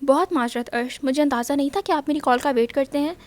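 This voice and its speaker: A woman reading an audiobook, voicing a shy but sharp-tongued young wife with an indignant, pouting manner. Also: high voice, dry recording, lightly acted. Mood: fond.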